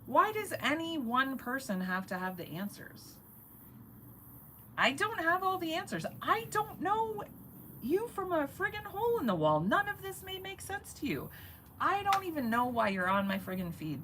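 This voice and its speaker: A woman's voice: high voice, big pitch swings, moderate pace, sharp tone, slight background noise, poor audio. A woman in her forties talking in a rambling, chatty live-stream monologue, swearing casually and laughing often. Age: 40s. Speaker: vlogger.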